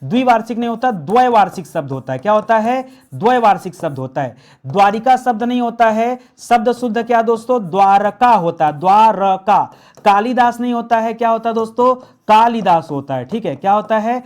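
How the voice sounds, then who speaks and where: A man's voice: sits high, lively intonation, fairly quick, darkish tone. A man teaching an online grammar class. He asks his viewers questions, answers them himself and repeats the key words.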